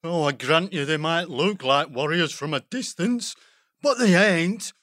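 A man voicing a big, worried male hedgehog guard who talks in a rough country way. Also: on the high side, expressive, measured pace, fairly bright tone, no room sound, clean studio sound, voice pushed up.

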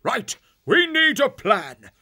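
A man voicing a strong, calm male warrior beast who steadily lays out plans and gives orders, in a husky voice. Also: extremely high pitch, slow pace, pitched above the performer's own voice, full character voice. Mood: commanding. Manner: steady, commanding, laying out plans.

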